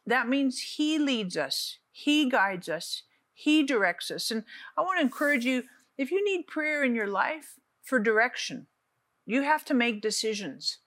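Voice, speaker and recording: A woman's voice: a little high, a bit bright, no echo. Earnest woman preaching, dry studio sound. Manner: earnest, slows down on key phrases, repeats for emphasis. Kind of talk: encouraging televangelist teaching.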